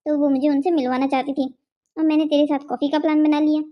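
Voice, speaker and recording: A woman's voice: high voice, flat delivery, fast talker, lo-fi sound, close to an everyday voice. A woman voicing a carefree, stubborn young daughter-in-law who talks back defiantly in a cartoon. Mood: complaining. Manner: defiant, careless.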